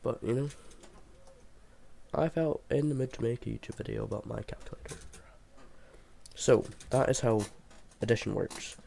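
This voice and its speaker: A man's voice: mid-range voice, moderate pace, long pauses, dark tone. A man who sounds unwell, giving an informal, hesitant gameplay tutorial as he thinks aloud. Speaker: video creator explaining a game build. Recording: clear background noise, mouse and keyboard clicks.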